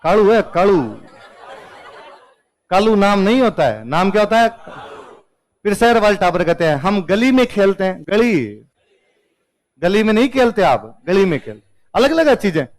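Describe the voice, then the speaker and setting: High-voiced teacher with a Rajasthani accent. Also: male voice, very animated, unhurried, pauses often, poor audio. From Rajasthan, India. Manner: playful, repeats words to contrast their pronunciation. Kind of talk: humorous classroom lecture.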